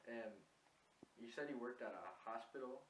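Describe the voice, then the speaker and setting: A man's voice: medium pitch, normal speed. A young man asking casual interview questions as the interviewer. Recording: roomy, distant mic, faint noise.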